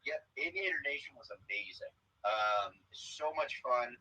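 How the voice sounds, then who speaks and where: A man talking casually over a phone on speakerphone, picked up by a laptop mic, telling stories in a loose, rambling way with a husky voice. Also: medium pitch, animated, a little slow, crowd noise, poor audio. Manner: loose, rambling storytelling with fillers. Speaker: comedian guest. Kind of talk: casual interview chat.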